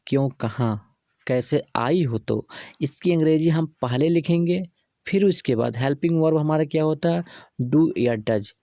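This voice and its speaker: A man's voice: medium pitch, dark tone, no echo. A man teaching English grammar, going through examples step by step and asking himself rhetorical questions.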